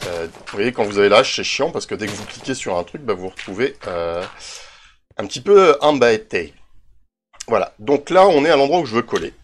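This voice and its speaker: A man's voice: on the low side, sing-song, brisk, a little hiss or hum. A man hosting a casual game tutorial, thinking aloud as he reads out coordinates, with self-mocking asides and drifting away from his desk mic at times. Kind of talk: casual screen-recorded tutorial.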